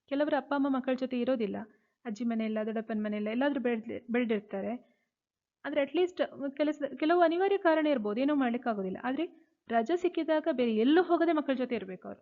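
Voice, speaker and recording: A woman's voice: high voice, animated, quick pace. Woman lecturing over a tinny line. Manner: reads English points then explains in Kannada. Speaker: teacher. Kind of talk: lecture explaining slides. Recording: phone-like narrow sound.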